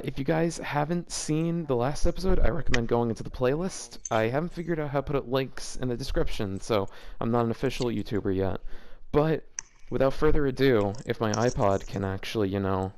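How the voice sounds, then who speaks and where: A man with a medium-pitched, somewhat mellow voice speaks at normal speed while hosting a casual fan fiction read-aloud for a video series. He rambles and keeps breaking off for joking asides.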